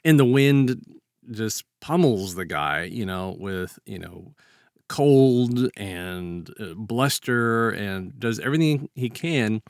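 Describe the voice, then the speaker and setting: Speaking slowly but animatedly, a man with a fairly low voice co-hosts a podcast, rambling through informal stories and chat while acting out short quotes. It's studio-quality audio without any room sound.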